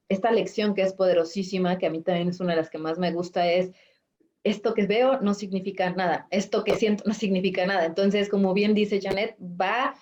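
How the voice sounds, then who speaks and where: A woman's voice: mid-range voice, darkish tone, dull audio. A woman life coach hosting a reflective spiritual conversation, explaining patiently and acting out quoted thoughts with a rising voice.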